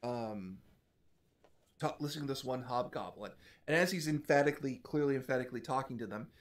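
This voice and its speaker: A man's voice: medium pitch, fairly quick. A man narrating a tabletop fantasy game as game master, informal and improvising, often repeating phrases.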